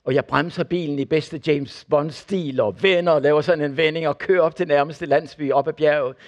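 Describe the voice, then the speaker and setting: Older man telling lively sermon stories. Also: fairly high pitch. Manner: animated storyteller acting out the people in his stories. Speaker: preacher and former missionary. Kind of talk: sermon testimony.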